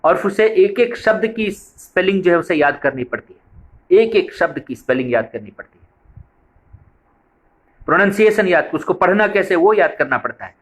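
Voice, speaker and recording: A man's voice: sits high, expressive, moderate pace. A man delivers a training lecture in a slightly raised voice. He explains each point patiently and repeats key phrases for emphasis. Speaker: preschool method trainer.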